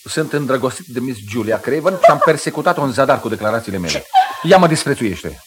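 A man's voice: mid-range voice, lively intonation, very noisy, close to an everyday voice. A man playing a glib young ladies' man. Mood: confessing. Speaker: actor in a radio play. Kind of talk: stage radio drama acting.

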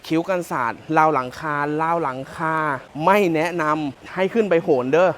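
With a slightly high voice at a normal speed, a Thai man selling cars shows off a pickup truck in a relaxed, joking walkaround. He's chatty and keeps repeating phrases.

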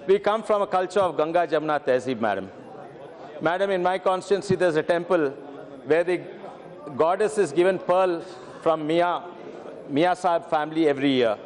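A middle-aged member of parliament from Telangana, India, whose first language is Telugu, gives a speech into a desk microphone in a large, echoing chamber. His slightly high voice moves at a moderate pace over a faint crowd. He is earnest, says "madam" often, and stammers briefly at times.

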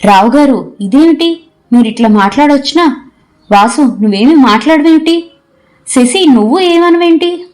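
High shrill panicky young wife in an audio story, woman doing her, all anxious questions. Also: normal speed, dark tone, lightly acted. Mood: alarmed.

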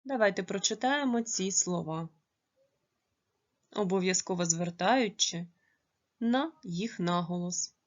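A woman teacher giving a primary school lesson, pronouncing words slowly and carefully. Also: mid-range voice, lo-fi sound. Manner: slow, careful pronunciation when modelling words.

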